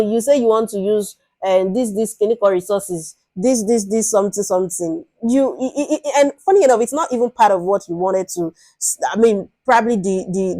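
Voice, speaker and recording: Nigerian woman giving a lively lecture. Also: medium pitch, no echo. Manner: lively, repeats words, acts out stakeholder exchanges. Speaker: product management speaker. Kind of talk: informal lecture.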